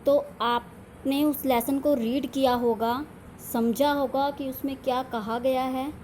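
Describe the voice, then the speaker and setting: A woman teacher dictating a lesson to young pupils in a fairly high voice. She speaks slowly and deliberately, pausing after each word and explaining its meaning. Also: fairly even intonation, darkish tone, slight background noise. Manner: slow, dictating words one at a time with explanations. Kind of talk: online class lesson.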